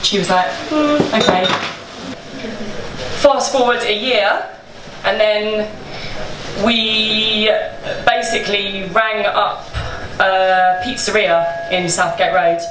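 A woman's voice: medium pitch, fairly even intonation, slow pace. A young woman tells her story casually on stage, chatty and loose, with swearing and laughter running through her words. She speaks into a handheld mic in a small event room full of people, and the sound comes across roomy and from a distance, with room noise behind her. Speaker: bakery co-owner telling its story. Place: small indoor event space with a seated audience. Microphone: handheld microphone.

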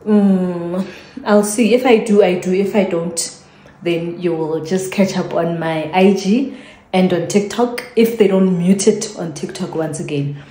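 A woman's voice: lowish voice, a little slow, warm tone. A South African woman signing off her home vlog in a chatty way, repeating her thanks and trailing into fillers. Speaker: vlogger. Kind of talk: casual vlog sign-off. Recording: echoey room.

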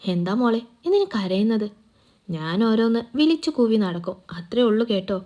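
A woman's voice: a little high, big pitch swings, normal speed, highs cut off. A woman reading a fatherly uncle around fifty. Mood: fond. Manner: warm, fatherly, chatty. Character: affectionate uncle around fifty, hearty and protective.

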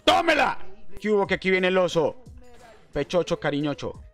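A man's voice: sits high, a little fast, soft background music. A young man with a Colombian Spanish accent giving casual, slangy, playful commentary as a gaming streamer, speaking close to a desk mic. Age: young adult. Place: indoor room at a desk. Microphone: desktop microphone close in front.

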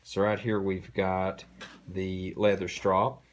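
A man hosting a casual unboxing, talking in a relaxed, rambling way with many fillers, recorded indoors on a camera mic. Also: low-pitched, slow, slight background noise. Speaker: host. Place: indoor room.

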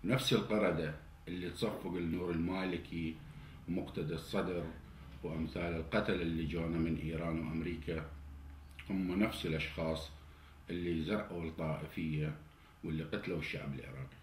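A political commentator in his forties from Iraq speaks straight to the camera in an Iraqi Arabic accent, his low voice steady and fast as his indignant monologue grows heated and louder. He sits in an indoor study with a flag and a cabinet, and the recording has roomy echo and faint hiss.

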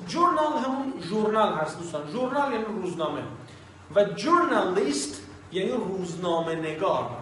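A man teaching English vocabulary in a recorded lesson, patiently repeating each word slowly. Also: high-pitched, fairly bright tone, a little hiss or hum. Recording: distant echoey room recording.

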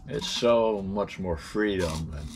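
Low-voiced man, relaxed boat chat, noisy outdoor sound. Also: takes it slowly. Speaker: sailing vlog co-host. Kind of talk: casual chat. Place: outdoors on a sailboat cockpit.

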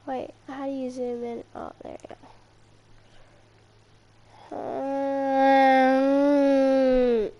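A woman's voice: high-pitched, level tone, brisk, mellow. A woman in casual, playful banter while playing a video game, often laughing. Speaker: gamer. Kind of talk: casual gaming chat.

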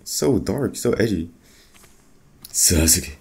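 A young let's-play host with a deep voice speaks slowly but reacts loudly, giving excitable, profane gaming commentary as he plays. Game music plays clearly in the background.

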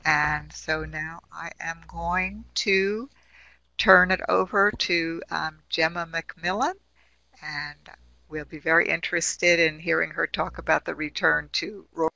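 A man chairs an online session and reads out a speaker's introduction, tripping over a few words. His voice is high and bright, with a gravelly edge at the ends of phrases. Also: steady tone, unhurried, no room sound, highs cut off. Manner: stumbling over words while reading an introduction.

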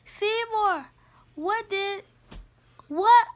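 A woman's voice: very high-pitched, very slow. A woman reading a children's picture book aloud, carefully, with small restarts. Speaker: storybook reader.

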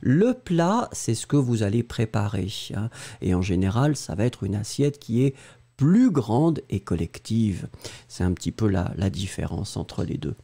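Guy teaching french on a live stream, slow and patient, spells stuff out, kinda mellow dark voice. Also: on the low side, big pitch swings, gravelly. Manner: patient, spells words letter by letter, answers viewers by name. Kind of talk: live-streamed grammar lesson.

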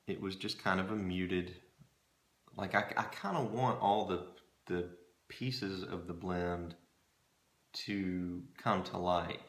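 Low gravelly man, musing and hesitant. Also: fairly bright tone. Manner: musing, hesitant, pausing often mid-thought. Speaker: pipe-smoking hobbyist reviewing tobacco blends. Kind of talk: casual chat to camera. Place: small home storage room with shelves, indoors. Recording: roomy echo from camera mic.

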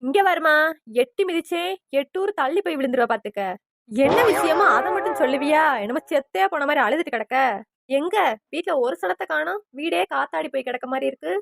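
A woman plays a rude, hot-headed daughter in a family cartoon. Her high, gravelly voice snaps out brash threats and taunts. The recording is dry and close. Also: lively intonation, brisk, dry recording. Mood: taunting. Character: rude, short-tempered grown daughter.

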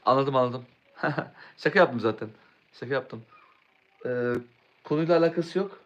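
A man's voice: mid-range voice, moderate pace, lo-fi sound. A young man chatting casually on a live stream, rambling, restarting words and answering viewers' chat.

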